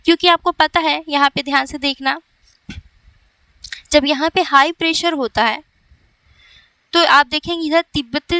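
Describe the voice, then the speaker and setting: Bright high-voiced woman teacher. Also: dry recording, far from the mic. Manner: repetitive, checking in with "ठीक है". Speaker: exam coaching teacher. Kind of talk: explaining on a whiteboard.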